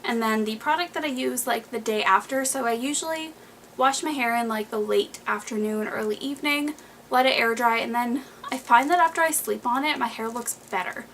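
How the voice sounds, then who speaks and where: Chatty twenty-something girl doing a beauty vlog, kinda high voice, a bit breathless, lots of um and like, faint hiss. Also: brisk, fairly bright tone, rough recording. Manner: chatty, rambling, lots of fillers and restarts. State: slightly out of breath. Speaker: beauty vlogger. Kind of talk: casual monthly favorites vlog.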